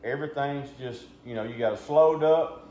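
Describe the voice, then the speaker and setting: A man's voice: medium pitch, normal speed. A man giving a casual, hands-on lesson as a duck calling instructor, talking in a folksy, plain-spoken way. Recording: muffled, roomy, with background noise.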